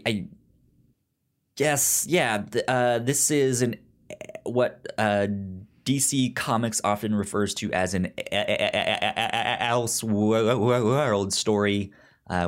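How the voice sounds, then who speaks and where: A podcast co-host with a fairly low voice chats casually, summarizing and reviewing things haltingly. He often stammers and repeats words.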